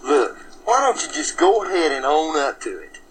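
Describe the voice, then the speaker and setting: A man's voice: fairly high pitch, big pitch swings, moderate pace, a bit bright, slight background noise, low-quality recording. A mocking western townsman. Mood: taunting. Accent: Western US drawl. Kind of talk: film dialogue.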